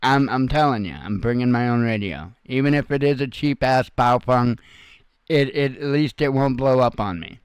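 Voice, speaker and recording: An online news commentary host, this man speaks informally and unscripted in a direct, folksy manner with some crude language. His clear, resonant voice is mid-range, at normal speed, with no room sound.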